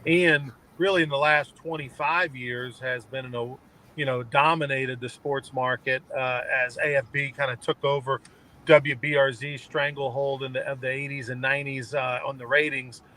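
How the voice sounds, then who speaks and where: A man's voice: mid-range voice, steady tone, moderate pace, sharp tone, rough recording. A man co-hosting a casual sports talk show, rambling conversationally with frequent restarts.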